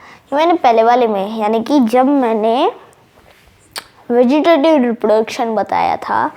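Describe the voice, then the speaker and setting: Slow high-voiced woman teaching. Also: dark tone. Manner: repeats key terms slowly, drilling pronunciation. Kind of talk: casual online lesson.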